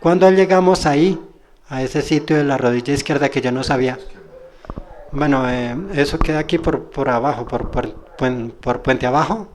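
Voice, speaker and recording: A man's voice: mid-range voice, normal speed, a little hiss or hum. A man telling a personal spiritual story in a rambling, folksy way, correcting himself as he goes. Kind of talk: spoken personal testimony.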